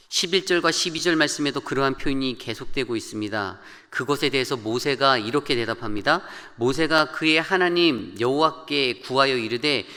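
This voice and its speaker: Male pastor, sermon delivery, bright and forceful tone, earnest and measured, church reverb. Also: mid-range voice. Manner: earnest, measured, quotes scripture slowly and pleads in quoted prayer. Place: church sanctuary.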